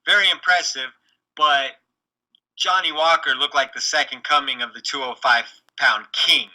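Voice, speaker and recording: A man's voice: a little high, moderate pace, pushed and bright, low-quality recording. A man co-hosting a casual sports podcast, giving confident, opinionated fight analysis. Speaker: podcast co-host.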